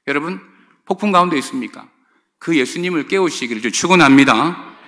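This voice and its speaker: Male pastor, middle-aged, sermon; high, animated, bright delivery. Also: fairly quick. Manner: emphatic preaching, addressing the congregation directly. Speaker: senior pastor.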